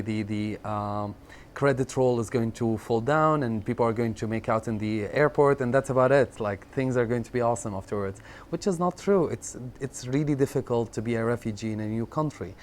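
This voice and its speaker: A man in his thirties from Syria, telling his life story in an interview, reflective and halting, often repeating words and pausing on fillers. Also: medium pitch. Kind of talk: personal storytelling in conversation. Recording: faint background noise.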